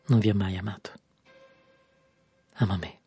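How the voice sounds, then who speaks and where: A man reading an audiobook, voicing a proud, lovesick young man who speaks softly and insistently with a husky, breathy voice. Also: lowish voice, steady tone, unhurried, dry recording, soft background music. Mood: intense.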